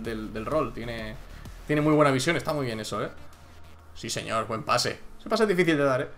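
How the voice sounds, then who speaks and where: Excitable young man reacting. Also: mid-range voice. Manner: animated, cheers and urges plays on, swears casually. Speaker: YouTuber reacting to basketball highlights. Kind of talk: excited live reaction commentary.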